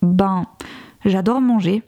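A woman's voice: mid-range voice, takes it slowly, warm tone, muffled recording, faint music behind. A woman reading a laid-back young man. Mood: easygoing.

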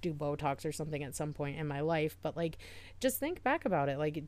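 Woman, deep voice, casual podcast chat, earnest, rambling with fillers. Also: expressive, a little fast. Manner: chatty, heavy use of "like", earnest and reassuring. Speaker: podcast co-host.

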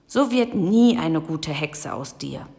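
A woman's voice: deep voice, expressive, slow, dark tone, heavily acted. Abraxas, a grumpy raven, voiced by a woman. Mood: scolding. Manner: scolding, croaking. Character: grumpy scolding male raven.

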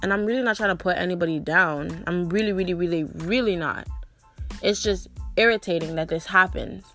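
A woman's voice: lowish voice, brisk, fairly bright tone, faint music behind. A young woman hosting a podcast, ranting bluntly with lots of profanity and frequent "like". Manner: blunt, profane, repeats "like" often. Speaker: podcast host. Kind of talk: ranting monologue.

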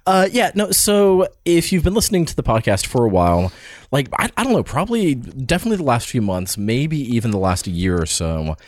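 A man's voice: medium pitch, big pitch swings, fairly quick, a little mellow, dry recording, clean studio sound. A man hosting a podcast in casual chat, rambling with lots of filler words and restarts. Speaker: podcast host.

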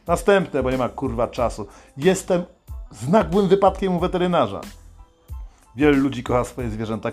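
A man's voice: mid-range voice, a little mellow, slightly rough. A man delivering a crude, sardonic comic monologue full of swearing. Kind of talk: profane satirical monologue.

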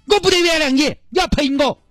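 A man voicing a whiny, demanding young girlfriend in a shrill falsetto with a Sichuanese accent. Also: fast talker, a bit bright, no room sound, clean studio sound, faint music behind. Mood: indignant. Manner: shrill falsetto, nagging and sulky.

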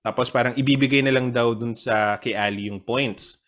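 A man's voice: medium pitch, normal speed. A man hosting a casual chat over a call, telling stories with jokes and frequent laughter. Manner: joking, laughs often, animated storytelling. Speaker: podcast host.

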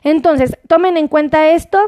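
A woman's voice: high voice, normal speed, a little mellow, dry recording. A woman doctor giving a live-streamed health talk, chatty and playful, cheering on her viewers. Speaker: doctor and diabetes specialist. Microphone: phone.

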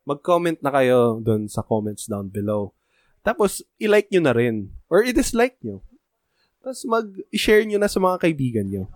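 A man's voice: medium pitch, sing-song, unhurried, no room sound, studio quality. A young man co-hosting a podcast, joking around and speaking straight to listeners in a mix of Tagalog and English. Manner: joking and playful, addresses listeners directly. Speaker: podcast co-host. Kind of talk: casual chat mixing Tagalog and English.

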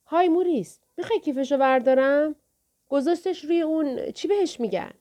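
A woman's voice: high-pitched, dark tone, voice pushed up, natural voice. Storybook part: woman playing a pushy young hustler, bossy and impatient.

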